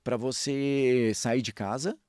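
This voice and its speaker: A man who speaks and coaches public speaking, talking in a storytelling way, with lively jumps in pitch and pace. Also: takes it slowly, clear, resonant tone, dry recording, clean studio sound. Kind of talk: podcast talk on public speaking.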